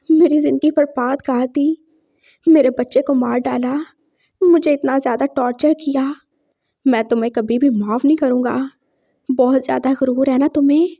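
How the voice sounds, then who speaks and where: A bitter young man vowing revenge in a read-aloud fan fiction story, put on by a woman narrator. The voice stays high. It is threatening in private and sugary to others. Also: fairly even intonation, moderate pace, mellow. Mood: bitter vengeful. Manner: bitter, threatening inner monologue. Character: young man, vengeful, sweet to his face.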